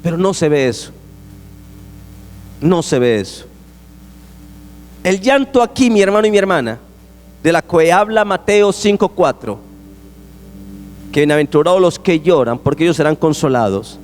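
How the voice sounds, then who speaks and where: A man preaching a sermon as a pastor, emphatic and repetitive, his voice swinging high and low. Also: expressive, normal speed, long pauses, a little mellow. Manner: emphatic, repetitive preaching, rising and falling sharply. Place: church sanctuary. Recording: echoey church hall.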